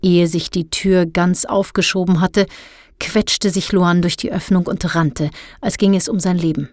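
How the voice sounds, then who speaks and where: A woman narrating a youth novel audiobook in an even, clear storytelling manner. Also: on the low side, a little slow, no echo, studio quality.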